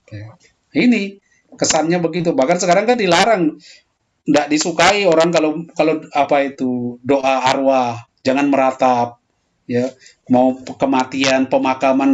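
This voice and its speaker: A man lecturing calmly in a pastoral theology talk, answering a question, and lifting his voice when he acts out quoted prayers. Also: medium pitch, highs cut off, a little hiss or hum. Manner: explains calmly, voicing heated quoted prayers more loudly.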